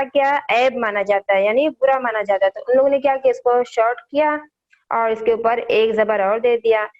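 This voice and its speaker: Over a dull, lo-fi online call, a woman with a fairly high voice teaches young children to read the Quran. She patiently repeats each point and quizzes them as she goes.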